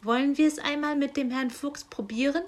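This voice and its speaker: A woman's voice: high-pitched, a little fast, pitched above the performer's own voice, close to an everyday voice. A woman reading aloud and voicing an insistent female helper angel who coaxes with cooing pet names. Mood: coaxing.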